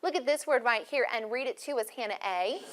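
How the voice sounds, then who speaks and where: A woman teaching a first-grade phonics lesson in a classroom, speaking slowly and clearly with encouragement. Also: on the high side.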